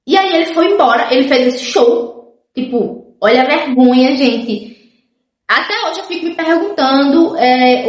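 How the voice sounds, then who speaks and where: Her voice is high, and the recording has a roomy sound. Chatting casually with viewers about her life, this young woman frequently drops "gente" and "tipo" and performs what others said to her.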